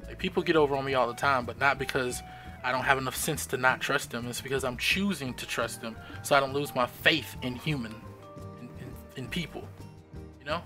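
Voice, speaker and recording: A man's voice: mid-range voice, fairly quick, sharp tone, faint music behind. A man chatting casually on a live stream, telling stories in an emphatic, swearing manner. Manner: storytelling, emphatic, swears freely. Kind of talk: casual chat.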